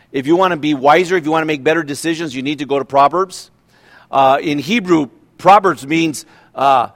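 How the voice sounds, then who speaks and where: A man in his fifties preaches in an easy, conversational way. His voice sits a little high for a man, and he keeps asking his listeners questions and restarting his sentences. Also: a bit bright. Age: 50s. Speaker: pastor. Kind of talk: sermon.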